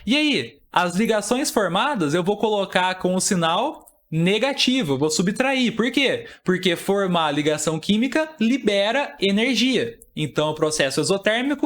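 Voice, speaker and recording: A man's voice: high-pitched, sing-song, normal speed, fairly bright tone. A young man teaching an exam-prep chemistry lesson, explaining step by step and asking and answering his own questions.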